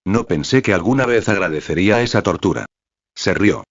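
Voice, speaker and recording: A man narrating a fan-fiction novel in the first person, in a steady read-aloud manner. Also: deep voice, a little fast, no echo. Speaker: novel reader. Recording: dry, slightly dull recording.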